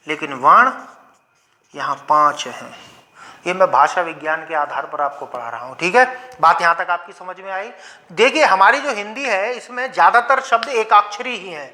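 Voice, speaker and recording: A man teaching Hindi grammar in a lecture, asking questions and answering them himself, repeating example words slowly. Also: high-pitched, sharp tone. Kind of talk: classroom lecture.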